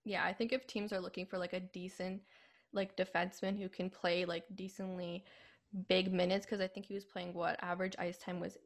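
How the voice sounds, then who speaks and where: A woman's voice: lowish voice, flat delivery, brisk. A young woman co-hosting a hockey radio show, talking in an easygoing way and often saying "like". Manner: easygoing, leans on "like" as a filler. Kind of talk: casual sports chat.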